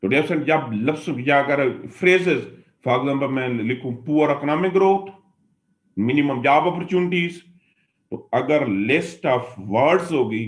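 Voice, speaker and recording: A man teaching English grammar in a classroom lecture, explaining patiently and repeating his points as he addresses his students. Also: mid-range voice. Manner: mixes Hindi and English mid-sentence.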